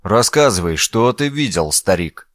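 A man voicing a polite, shrewd detective who questions calmly and courteously, in an audiobook. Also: lowish voice, measured pace, dry recording, studio quality. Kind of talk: audiobook character voice.

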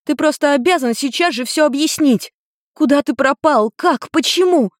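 A woman's voice: high-pitched, no echo, clean studio sound, lightly acted. A woman voicing a feisty seventeen-year-old girl. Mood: indignant. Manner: indignant, rapid-fire questioning. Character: feisty teenage girl searching for her father. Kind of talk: audiobook character voice.

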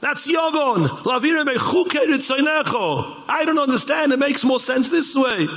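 A man giving a Torah lecture as a rabbi, impassioned and rising to shouts. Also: very high voice, animated, normal speed.

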